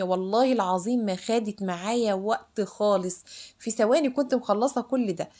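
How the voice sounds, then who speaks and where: Woman, Egyptian accent, home cooking host, rapid chatty delivery, kitchen recording. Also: fairly high pitch, darkish tone. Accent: Egyptian Arabic. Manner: chatty, addresses viewers directly.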